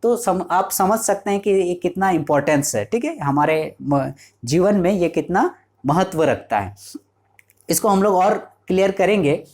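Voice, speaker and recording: This is a male teacher lecturing in a room with a board. He moves at an unhurried, measured pace. He breaks each idea into small steps and pauses often to ask his learners if they understand. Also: high-pitched, lively intonation, a little mellow. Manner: keeps checking in with students, explains step by step. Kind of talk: classroom lecture.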